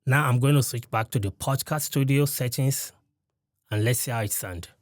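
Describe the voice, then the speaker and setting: A man's voice: mid-range voice, moderate pace, dry recording. Man, mid-range voice, close studio mic, explanatory gear-review delivery, very dry. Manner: explanatory, walks through settings step by step. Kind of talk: mic test demonstration. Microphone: studio condenser mic close up.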